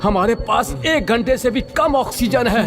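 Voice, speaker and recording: A man's voice: very high voice, animated, normal speed, music in the background. A man dubbing a film role as a mine crew leader who barks urgent orders to trapped miners. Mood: commanding. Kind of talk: dubbed film acting.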